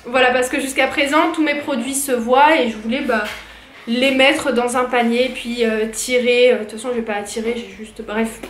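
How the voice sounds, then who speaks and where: Chatty young French woman, high voice. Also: steady tone, normal speed, echoey room, a little hiss or hum. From France. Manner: chatty, many fillers and restarts. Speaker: vlogger. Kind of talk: casual haul vlog chat.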